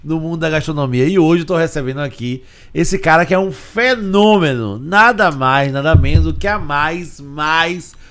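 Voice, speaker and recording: A man's voice: a little high, normal speed, hardly any pauses, a bit bright. A man hosting a podcast, enthusiastic and jokey as he introduces and questions his guest. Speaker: podcast host. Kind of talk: casual interview hosting.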